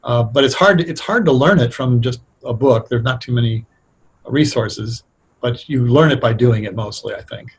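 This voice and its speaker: Talking at a normal speed, this radio drama writer has a mid-range voice with a breathy edge. He's a middle-aged or older interview guest whose casual explanations come across as reflective and hesitant.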